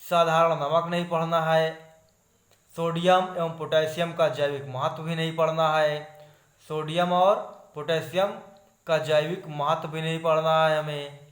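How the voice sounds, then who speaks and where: A man with a somewhat high voice goes through a chemistry syllabus for students. He lists item after item in an even, repetitive way and keeps calling his viewers friends. The room around him is echoey. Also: measured pace. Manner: steady listing tone, repeating "not to study", addressing viewers as friends. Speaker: chemistry teacher. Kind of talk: online exam-syllabus lesson.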